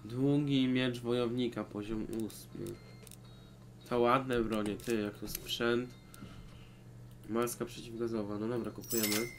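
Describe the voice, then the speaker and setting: A man's voice: mid-range voice, steady tone, measured pace, slight background noise. A young Polish man giving casual, sweary commentary while he plays a video game. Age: young adult. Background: game music.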